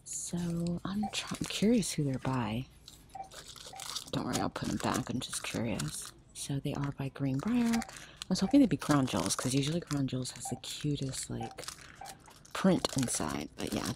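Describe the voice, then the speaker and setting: An older woman films herself on a handheld phone camera while browsing an aisle in a large discount store, narrating casually and often dropping to a whisper. Her voice is extremely low, gravelly, and very animated at normal speed. Background noise can be heard.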